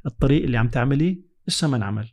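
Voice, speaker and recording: Encouraging Levantine Arabic man, mid-pitched. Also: lively intonation, racing, darkish tone. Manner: switches between Arabic and English. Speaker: interviewer. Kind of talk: casual conversational interview.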